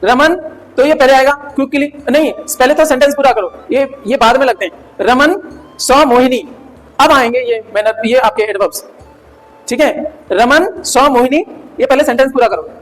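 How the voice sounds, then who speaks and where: A male grammar teacher giving an animated classroom lecture, quizzing students with quick questions and jokes. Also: very high-pitched, soft background music. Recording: hall reverb.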